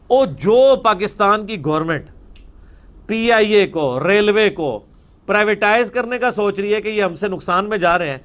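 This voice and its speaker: A man's voice: high-pitched, a bit bright. A man giving a religious lecture, arguing and mocking his opponents' views. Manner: mocking, argumentative, mimics opponents.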